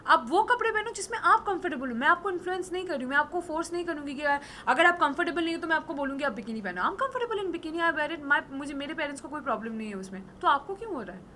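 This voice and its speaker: A hoarse young woman in her twenties, an influencer and model, talking defiantly and emphatically in an interview. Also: sits high, animated, fast, hardly any pauses, pushed and bright, slight background noise. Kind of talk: casual interview talk.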